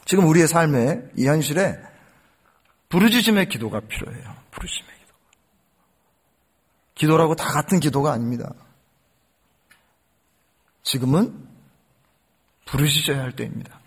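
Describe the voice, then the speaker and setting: An impassioned male pastor preaching a sermon in a high voice. His delivery swings widely in pitch, and he keeps turning to speak straight to the congregation. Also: lively intonation, normal speed, pauses often, breathy edge. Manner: impassioned, addresses congregation directly.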